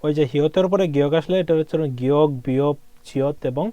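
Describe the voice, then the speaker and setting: Soft-spoken male tutor drilling words. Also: a little high, no echo, muffled recording. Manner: patient, repeats words slowly for drilling; asks checking questions. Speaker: Korean language teacher. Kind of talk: casual tutoring lesson.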